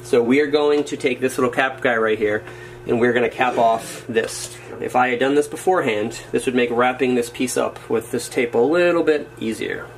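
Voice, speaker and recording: A man with a medium-pitched voice and moderate pace casually explains a hands-on project indoors at a wooden workbench or floor, the camera trained on his hands. He mutters to himself and makes self-deprecating asides, with slight background noise.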